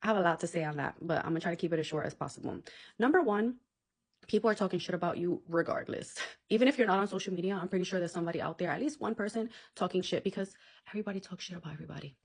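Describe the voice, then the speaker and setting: A woman with a fairly low voice rattles through advice at a quick clip. She talks to camera like a content creator, casual and blunt, dropping swear words and "like" as she goes. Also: creaky, breathy edge. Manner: chatty, blunt, casual swearing, frequent "like" and "okay?".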